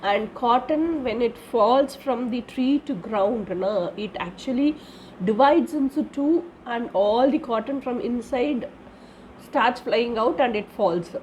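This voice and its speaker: Slow and a little high, her slightly mellow voice comes through with the highs cut off and a bit of hiss or hum. She's an Indian-accented woman, congested and slightly wheezy from a cold and sore throat, offering guidance as a charms card reader. The casual spiritual reading is instructive, and she repeats phrases with the tag "na."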